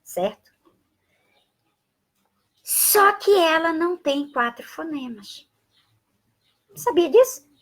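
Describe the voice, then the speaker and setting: Slow, lively Brazilian woman teacher. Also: extremely high pitch. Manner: greets viewers by name mid-lesson, affectionate asides; slow, drawn-out spelling of sounds and letters. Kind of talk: live-streamed Portuguese lesson.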